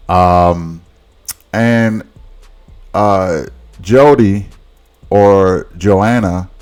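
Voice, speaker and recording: A man with a low, deep voice drawls through a casual reaction commentary. He talks slowly and rambles, often stumbling and repeating his words. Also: darkish tone.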